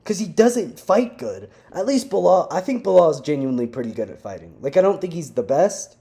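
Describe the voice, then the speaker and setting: A young man ranting casually to camera, animated and slangy, breaking into frequent laughs. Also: fairly high pitch, brisk, vocal fry. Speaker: vlogger. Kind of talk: casual rant.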